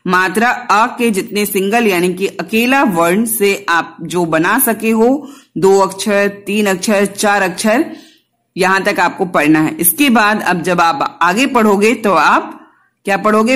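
A kindergarten teacher with a mid-range, fairly bright voice gives a Hindi lesson to young children. She patiently spells out letters and answers her own questions.

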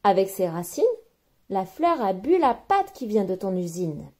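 A gentle, knowing toucan from a storybook, as a woman reader puts him on, who lays things out patiently. The voice is mellow and unhurried, with lively pitch movement. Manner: calm, explanatory. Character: wise male toucan, patient explainer.

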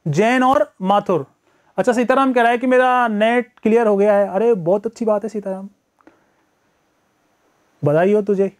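A man's voice: high-pitched, moderate pace, long pauses. A man teaching a live online exam-prep lecture, talking in a chatty way, greeting viewers by name and acting out students' excuses. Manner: acts out students' excuses in first person.

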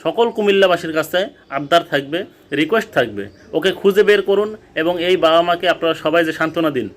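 A man speaks with a somewhat high-pitched voice. His delivery is urgent and indignant as he makes an impassioned appeal to the public. He presses his point in a vlog-style address. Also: fast. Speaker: vlogger.

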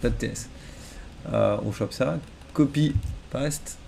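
A man's voice: mid-range voice, slow pace, vocal fry, darkish tone, a little hiss or hum. A man live coding and thinking aloud, muttering to himself in a casual, self-deprecating way. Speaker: coding streamer. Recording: faint keyboard typing behind.

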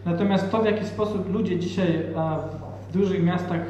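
A man's voice: high-pitched, fairly even intonation, normal speed, mellow, slight background noise. A man in his thirties from Poland, speaking hesitantly at an event into a handheld mic, with many fillers and restarts. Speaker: panel speaker. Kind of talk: reflective talk at an event. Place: large hall with audience. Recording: echoey hall, distant and dull.

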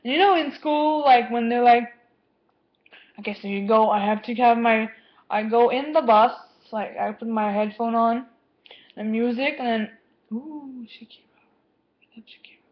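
A woman's voice: fairly high pitch, normal speed. Rambling teen girl vlogging at home. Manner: rambling, easily distracted, lots of "like". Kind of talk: casual chat to camera. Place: home, indoors. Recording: dull lo-fi webcam sound.

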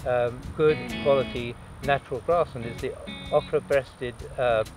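A man, a birdwatching journalist, answering interview questions outdoors on a lakeside lawn in a measured, enthusiastic way. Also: medium pitch, fairly even intonation, music in the background, rough recording.

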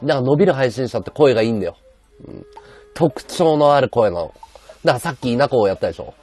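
A man livestreaming with a high-pitched voice and a sore throat, chatting bluntly and casually while reading viewer comments. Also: lively intonation, fast talker, darkish tone. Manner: rough, blunt casual speech.

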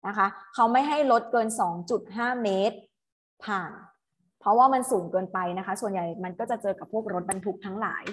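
A woman's voice: medium pitch, brisk. A woman teacher tutoring students through an English exam, patient and coaxing, reading English terms aloud and explaining them.

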